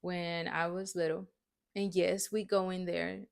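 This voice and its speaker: Woman telling her story straight to camera, bit of vocal fry, rambly and honest, keeps saying right?. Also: on the low side, level tone, unhurried. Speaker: faith vlogger. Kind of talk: candid personal faith talk.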